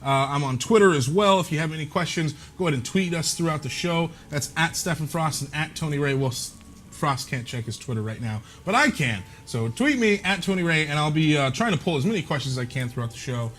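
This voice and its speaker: A man's voice: on the high side, expressive, a little fast, a bit bright. Upbeat jokey male stream host. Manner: jokey, upbeat, rambling with fillers. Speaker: show host. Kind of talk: live stream gameplay talk show.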